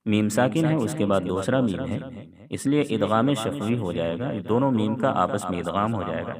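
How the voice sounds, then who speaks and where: Man teaching tajweed over crowd noise. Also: fairly low pitch. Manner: explains rules calmly, then chants verses slowly. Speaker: Quran recitation teacher. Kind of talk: step-by-step tajweed lesson.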